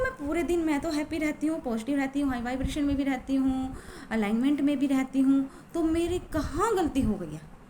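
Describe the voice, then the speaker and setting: A woman's voice: high-pitched, darkish tone, a little hiss or hum. A woman coach talking casually and chattily, repeating herself with many fillers. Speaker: law of attraction coach. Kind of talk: casual talk to camera.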